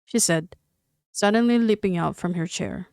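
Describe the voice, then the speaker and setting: A woman narrating a romance audiobook in an even, unhurried reading. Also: mid-range voice, clear, resonant tone, no echo, studio quality. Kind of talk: scripted narration.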